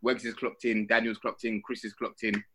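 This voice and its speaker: Man, London roadman accent, bright forceful voice, slightly low, slangy podcast host, casual group chat. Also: little pitch movement, moderate pace, slight background noise.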